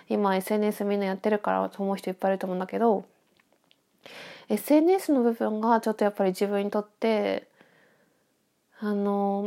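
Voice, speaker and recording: Woman w a blocked nose doing a casual solo podcast, kinda hesitant, thinking out loud, medium pitch. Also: gravelly. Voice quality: stuffy-nosed, nasal voice. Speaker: audio podcast host.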